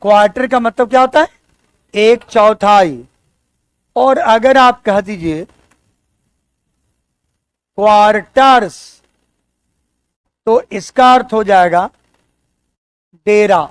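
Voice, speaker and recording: A man teaching an English lesson, going slowly and repeating key words as he quizzes his students. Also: high-pitched, clean tone, no room sound. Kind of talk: exam-prep language lesson.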